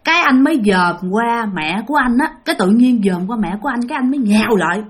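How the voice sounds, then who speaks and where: A woman's voice: fairly high pitch, quick pace, slightly rough. A woman telling a ghost story, speaking directly to her listeners. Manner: animated, addresses listeners directly.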